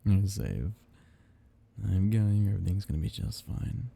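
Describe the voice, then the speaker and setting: Playing a tender, possessive vampire count in intimate ASMR roleplay, a man gives a full character voice that is deep, husky and gravelly. His soft, teasing murmurs are sing-song at a moderate pace, with a tender, soothing mood.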